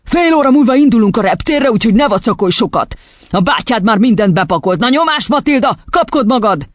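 A woman's voice: medium pitch, sing-song, no echo, clean studio sound, pitched above the performer's own voice. A woman voicing a short-tempered, bullying father who barks curt orders.

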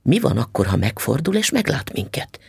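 A man reading an audiobook, voicing an excited, eager young child with a high, breathless voice. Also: vocal fry, husky, dry recording, clean studio sound, exaggerated voice. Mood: curious.

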